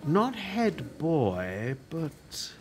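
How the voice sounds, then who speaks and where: In a radio play, a male actor voices a dying, older working-class television writer who is proud, prickly and reflective, with a wry, deliberate manner. The mood is wry and sardonic, and he uses a full character voice that sits a little high and swings hugely in pitch, with slight background noise.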